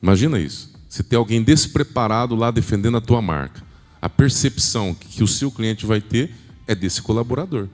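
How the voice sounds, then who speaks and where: A man's voice: mid-range voice, fairly quick, darkish tone. A man giving an emphatic motivational sales talk at a church event, often asking the audience questions. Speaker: business speaker at a church event. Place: large church hall. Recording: long hall reverb, faint music.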